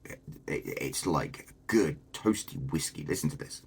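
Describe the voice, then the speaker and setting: Very deep husky man, chatty commentary. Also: very animated, unhurried. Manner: chatty and enthusiastic, with many fillers. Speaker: host. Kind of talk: casual video commentary.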